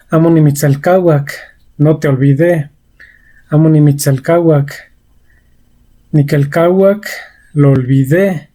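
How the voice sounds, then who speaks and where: Woman language teacher, unhurried and careful, warm low-key tone, repeats each example. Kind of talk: vocabulary lesson.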